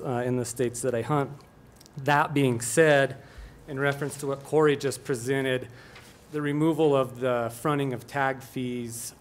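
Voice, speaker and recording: Speaking at a meeting, this plainspoken Colorado man in middle age delivers an earnest public comment in a mid-range voice, frequently starting his sentences over.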